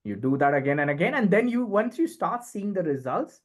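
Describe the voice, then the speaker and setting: This podcast guest, a middle-aged man with an Indian accent who specializes in communication and leadership, sounds very animated, high-pitched and a little fast. He explains things emphatically and conversationally, sprinkling in short tag questions.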